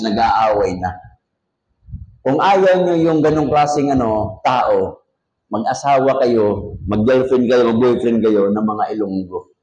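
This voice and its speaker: A man's voice: medium pitch, darkish tone, reverberant, low-quality recording. A pastor from Mindanao preaching a sermon, joking and raising his voice often. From Mindanao, Philippines. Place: church.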